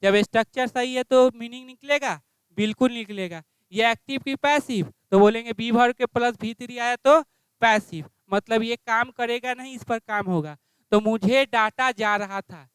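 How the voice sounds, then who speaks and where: Man, classroom grammar lesson, very high voice, crisp and clean, quizzing students. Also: a bit bright, dry recording. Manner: drills with repeated questions, slow word-by-word phrases. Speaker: English teacher.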